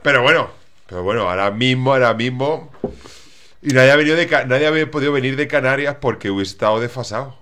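A man's voice: medium pitch, fast talker, a bit bright. A man co-hosting a radio chat, playful and joking. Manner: playful, puts on a mock regional accent. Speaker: radio show guest host.

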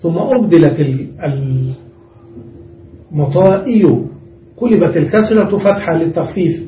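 A man with a fairly high voice leads a grammar lesson, explaining each step and pausing to ask his students whether they follow. He is picked up from across a reverberant room. The recording sounds dull and lo-fi. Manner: explains step by step, often checks understanding with the class. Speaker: Arabic grammar teacher. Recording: roomy, muffled recording from a distance.

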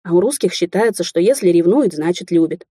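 A blunt, bossy older man delivers a coarse lecture, as a woman reads him in a storybook. The voice is husky, low and dark, recorded dry and close. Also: expressive, a little fast, dry recording. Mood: lecturing. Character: gruff older Russian man, blunt taxi driver.

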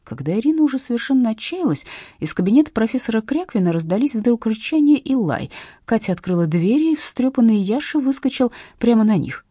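A woman reading an audiobook aloud in an expressive, wry storytelling manner. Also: fairly high pitch, brisk, husky, no room sound, studio quality. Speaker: audiobook narrator.

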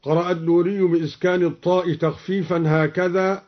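A man explaining variant Quran readings and then demonstrating each one in drawn-out, melodic recitation, from an archive radio recording. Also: high-pitched, flat delivery, highs cut off.

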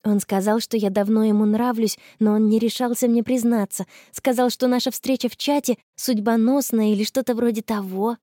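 A woman's voice: fairly high pitch, steady tone, normal speed, hardly any pauses, warm tone, no room sound, studio quality, close to an everyday voice. A woman voicing a cheerful, dreamy teenage girl in love, gushing as she talks.

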